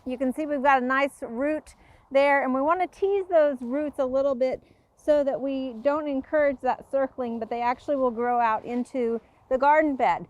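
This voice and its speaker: A woman's voice: high voice, fairly even intonation, normal speed, darkish tone, dull audio. A woman hosts a gardening program. She explains each planting step in a friendly, patient way with small fillers. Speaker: gardening show host. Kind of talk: instructional gardening talk and interview.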